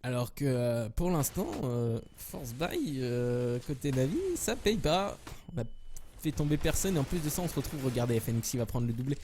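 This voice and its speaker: French guy casting a shooter match by himself, jokes around a lot and gets loud on big plays. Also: medium pitch, animated, normal speed, a little hiss or hum. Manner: jokey, rambling, self-mocking asides. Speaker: esports caster. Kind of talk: solo live game commentary.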